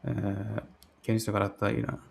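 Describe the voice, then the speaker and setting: With music behind him, a man with a fairly low, level, gravelly voice hosts a gaming video. He translates a visual novel on the fly in a relaxed way, groping for the right words as he goes.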